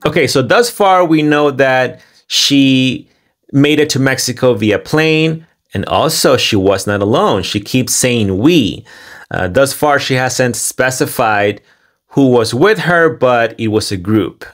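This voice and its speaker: A man hosting a video commentary, speaking in deliberate, emphatic phrases with pauses. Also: mid-range voice, lively intonation. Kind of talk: scripted commentary with loose running translation.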